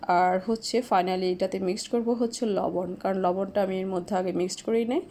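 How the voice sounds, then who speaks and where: Woman calmly walking through a recipe. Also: medium pitch, moderate pace, a little hiss or hum. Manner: steady step-by-step explaining, mixes English fillers. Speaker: cooking channel host. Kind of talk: voice-over cooking tutorial.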